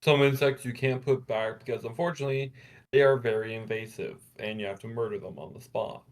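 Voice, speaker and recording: A man's voice: medium pitch, fairly even intonation, brisk. A young man, a podcast co-host, chatting casually and enthusiastically about insects with offhand swearing. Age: young adult. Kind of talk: casual chat.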